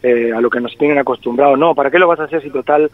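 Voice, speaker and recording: This Spanish-born singer-songwriter in his forties has a medium-pitched voice and a rapid-fire delivery, colored by a faint Argentine lilt in his Spanish accent. Over the phone he reflects on things and hesitates often, and the line sounds tinny and dry.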